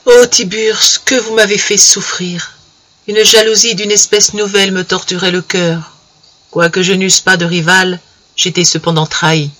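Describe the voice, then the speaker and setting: A man's voice: high voice, flat delivery, moderate pace. A man voicing a tearful young German girl. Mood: hurt, pleading. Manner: soft pleading reproach.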